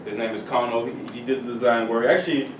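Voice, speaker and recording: A man's voice: medium pitch, steady tone, fast. Upbeat guy talking to a class at career day, kinda far from the camera, echoey room with noise around. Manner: upbeat, playful call-and-response with the class. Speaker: guest speaker at a school career day. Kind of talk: motivational talk to children. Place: school classroom or hall.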